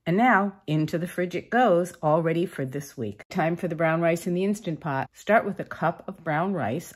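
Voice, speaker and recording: Woman, low voice, slightly husky, chatty cooking host, upbeat, explains each step, home kitchen voice-over. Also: a little mellow.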